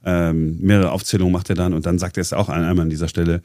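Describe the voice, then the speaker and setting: A man's voice: low-pitched, little pitch movement, fast, mellow, dry recording, studio quality. A man presenting on a talk show in casual chat, explaining at length with many hesitations and restarts. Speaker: radio presenter.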